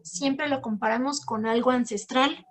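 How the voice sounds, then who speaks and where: A woman's voice: high voice, fairly even intonation, measured pace. A woman giving an academic talk and answering questions, explaining patiently with frequent fillers. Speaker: guest lecturer.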